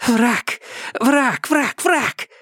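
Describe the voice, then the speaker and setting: A deranged young man shrieks in a piercing, bright falsetto, words tumbling out in a frenzy. The voice sits far above a normal man's range and sounds strained and wild. The recording is close and dry. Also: measured pace, no echo, heavily acted. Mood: chanting. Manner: shrill screeching falsetto.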